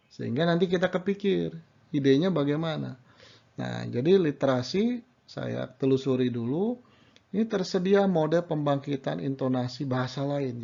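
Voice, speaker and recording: A man's voice: medium pitch, gravelly, dark tone. A middle-aged male university lecturer giving a lecture, explaining step by step and asking himself rhetorical questions. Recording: dull lo-fi recording.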